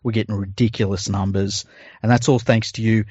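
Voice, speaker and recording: A man's voice: fairly low pitch, flat delivery, brisk, a little mellow, slightly rough, dry recording. Australian male podcast co-host, informal and jokey, for chatty ad reads; very dry, slightly dull sound.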